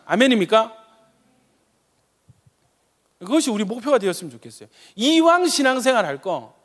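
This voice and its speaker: Man preaching a sermon, high voice, swooping animated intonation, long church reverb. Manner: impassioned, swinging from loud emphatic peaks to soft quiet asides. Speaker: pastor. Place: church sanctuary.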